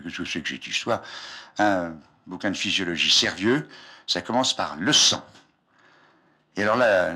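A man's voice: on the low side, sharp tone, slightly rough. An older man giving an informal, discursive lecture, often breaking off mid-phrase, on an old archive tape. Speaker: scientist giving a public lecture. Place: lecture hall, speaking from a raised platform.

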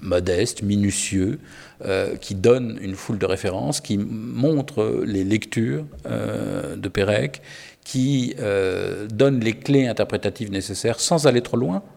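A man with a lowish, gravelly voice discusses books in an unhurried, hesitant way, often restarting his sentences. His voice carries a long reverb, as if spoken in a large room. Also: a little mellow. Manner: hesitant, many fillers and restarts.

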